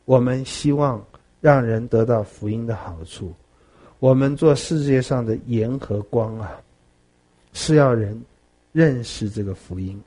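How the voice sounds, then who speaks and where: A man preaching a sermon, telling stories with animated swings between soft and loud. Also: medium pitch, unhurried. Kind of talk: sermon with storytelling.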